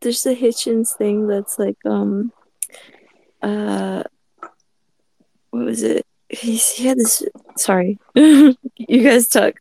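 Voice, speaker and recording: A woman's voice: a little high, gravelly, dark tone. A woman around thirty in a casual podcast chat, talking sarcastically and cutting in often. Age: 30s. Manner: sarcastic, quick to interrupt.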